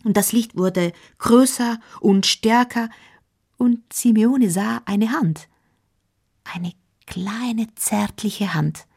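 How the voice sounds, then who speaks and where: A woman telling a Christmas-style story slowly and gently, often dropping to a soft whisper. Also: medium pitch, vocal fry, slightly rough. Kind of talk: storybook narration.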